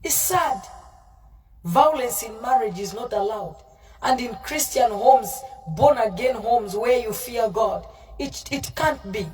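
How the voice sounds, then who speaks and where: In a fiery, informal livestream sermon, a woman responds to live comments while scolding and confronting her listeners, repeating herself and using some Pidgin. Her fairly high voice is animated, slow, and a little mellow, and the microphone sits some distance away.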